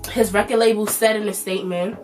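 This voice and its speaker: A woman's voice: medium pitch, fairly even intonation, quick pace, darkish tone, soft background music. A woman in her twenties with a stuffy, nasal voice, chatting loosely as a vlog host with plenty of fillers. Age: 20s. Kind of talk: casual commentary.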